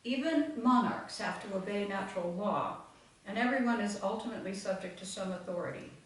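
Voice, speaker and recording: In an echoey meeting room, far from the microphone, a woman guides a full moon meditation group before a live audience. Her mid-range voice moves a little fast as she talks reflectively, meandering and using plenty of fillers.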